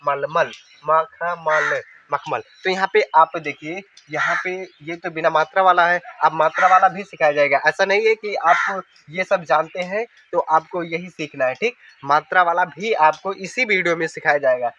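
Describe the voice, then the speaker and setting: Patient male reading teacher, high voice, repeats each word syllable by syllable; faint hiss and birds in the background. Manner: sounds out syllables slowly, repeats words for correct pronunciation. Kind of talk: children's reading lesson. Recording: dull lo-fi recording with faint noise.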